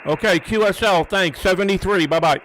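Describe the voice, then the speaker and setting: A high-voiced man runs a live amateur radio test. He methodically repeats short phrases and call signs, with faint radio noise behind him. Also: fairly quick, fairly bright tone, poor audio. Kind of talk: live radio contact and antenna test commentary.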